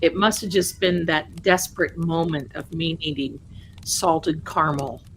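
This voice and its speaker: A woman hosting a casual live spirit session, rambling and haltingly repeating herself as she talks to spirits and viewers. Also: low-pitched, low-quality recording. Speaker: livestream host of a spirit communication session. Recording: clear background noise, live stream.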